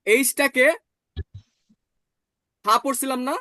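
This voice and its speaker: A man teaching German in an online class, explaining patiently and slowly repeating words. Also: extremely high pitch, fairly even intonation, pushed and bright, dry recording, studio quality.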